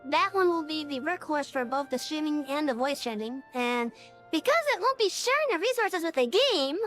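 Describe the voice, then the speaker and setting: A streamer speaks through a real-time voice changer that gives a high, feminine-sounding voice. The talk is loose and rambling, with plenty of ums and restarts. Faint music plays softly behind. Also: big pitch swings, moderate pace. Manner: rambling, many fillers and restarts. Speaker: game streamer. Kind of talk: casual live-stream chat.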